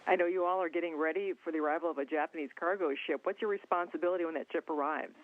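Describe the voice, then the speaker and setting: A man's voice comes through a thin, tinny phone link, pitched a little high. He is a radio interviewer who asks curious, friendly questions in a relaxed, conversational way. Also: rapid-fire. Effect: phone line.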